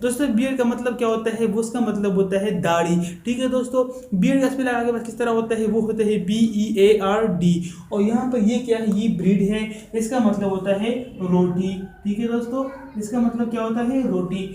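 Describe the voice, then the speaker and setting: एक पुरुष शिक्षक अंग्रेज़ी शब्दों का पाठ पढ़ाता है, शब्दों को धीरे-धीरे दोहराता है और खुद से सवाल पूछकर जवाब देता है।. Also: male voice, high voice, mellow, reverberant, poor audio. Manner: repeats words slowly and asks himself questions. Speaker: English teacher, channel host. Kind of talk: spoken vocabulary lesson.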